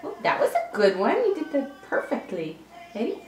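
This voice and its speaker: A woman's voice: a little high, wildly swooping pitch, normal speed, darkish tone, faint music behind. A woman talking coaxing, sing-song baby talk to her infant in a casual home video. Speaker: mother feeding her baby. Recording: roomy echo.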